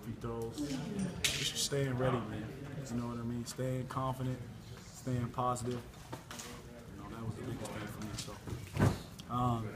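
A young male basketball player answering postgame questions in a crowded locker room, relaxed and often adding "man" and "you know". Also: mid-range voice, a little slow. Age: young adult. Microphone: reporters' recorders and camera mics held close. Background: loud crowd chatter.

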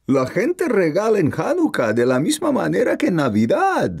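Jolly, hearty old Santa Claus. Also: female voice, on the low side, wildly swooping pitch, normal speed, gravelly, darkish tone, slightly rough, heavily acted. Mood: jolly, welcoming. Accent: Latin American Spanish. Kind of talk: children's cartoon dub. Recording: music behind the voice.

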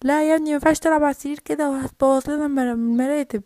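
A woman's voice: sits high, fairly even intonation, very fast, warm tone, no room sound, studio quality, natural voice. A woman voicing a cross, sleepy mother toy figure with an Egyptian Arabic accent, scolding and impatient.

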